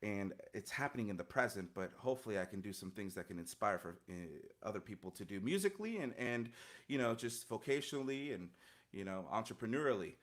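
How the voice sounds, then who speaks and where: Fast-talking and fairly low-pitched with lively intonation, a musician in his thirties answers interview questions earnestly and thoughtfully, stumbling into fillers and restarts. He joins by video call from his home studio, wearing headphones in front of a stand-mounted studio mic.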